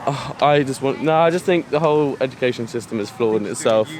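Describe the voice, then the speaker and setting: A man's voice: mid-range voice, fast. A young man outdoors, ranting heatedly at a friend's camera. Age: young adult. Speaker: interviewed student.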